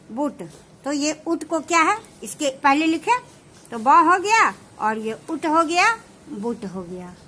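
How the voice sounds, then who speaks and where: A woman teaching shorthand, explaining each step slowly and checking whether her students understand. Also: high voice, sharp tone. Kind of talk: slow classroom explanation.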